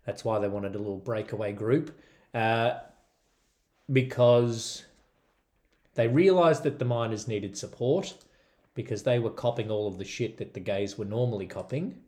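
A man's voice: on the low side, normal speed, a little mellow. A man hosting a movie review podcast in casual chat, playful and laughing often as he tries out accents. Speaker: podcast host.

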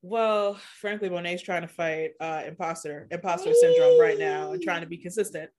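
A woman speaking as a podcast guest in a casual, animated way, laughing often and slowing down for emphasis. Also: medium pitch, crowd noise. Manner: animated, laughs often, shifts between quick and slow emphatic phrasing. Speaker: podcast guest, content creator. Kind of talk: casual conversational interview.

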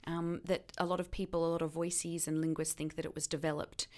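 A woman voice coach explaining accent features in casual talk, hesitant with many pauses. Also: deep voice, flat delivery, a little mellow. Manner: hesitant, many ums, enthusiastic about sounds.

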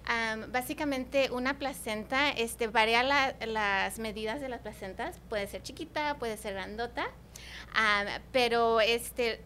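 Mujer con español de acento estadounidense, voz aguda. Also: female voice, on the high side, measured pace, bright, forceful tone, a little hiss or hum. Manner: hesitant, searches for Spanish words, mixes in English. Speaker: placenta encapsulation provider, interview guest. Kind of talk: conversational explanation.

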